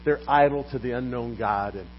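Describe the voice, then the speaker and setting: A man preaching a sermon as pastor, putting questions to his congregation in a lively manner. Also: mid-range voice, brisk. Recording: dull recording with faint mains hum.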